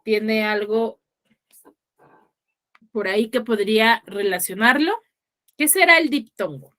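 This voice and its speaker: A woman's voice: fairly high pitch, slow pace, fairly bright tone. A woman teacher giving an online class, patient and checking in with students often. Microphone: video call.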